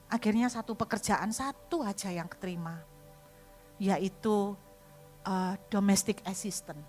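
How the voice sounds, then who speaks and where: A middle-aged woman pastor from Indonesia, preaching a sermon as lively storytelling and acting out the dialogue. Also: medium pitch, a little slow, faint music behind.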